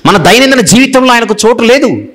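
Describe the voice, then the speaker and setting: A man preaching a sermon with a Telugu accent, repeating phrases for emphasis and swinging between loud declarations and low, hushed rebukes. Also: animated, fairly quick.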